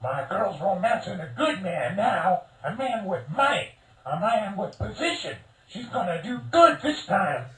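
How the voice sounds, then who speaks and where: A man's voice: high voice, sing-song, measured pace, a bit bright, reverberant, far from the mic, full character voice. A man voicing a cantankerous old woman in a video game, an old hag with a curt, folksy, ungrammatical drawl. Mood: proud, insistent. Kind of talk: video game character acting.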